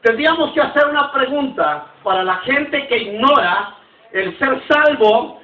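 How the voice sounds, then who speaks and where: A man from Nicaragua with a Nicaraguan accent, preaching a Sunday school sermon as pastor and leading slow, emphatic scripture readings in a church hall. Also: extremely high pitch, lively intonation. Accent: Nicaraguan Spanish. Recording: roomy, distant, dull church recording.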